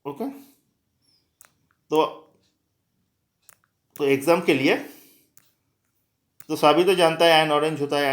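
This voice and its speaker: Slow-paced male grammar teacher. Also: fairly high pitch. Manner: slow, repeats example words aloud one by one. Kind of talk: explaining lesson for exam students.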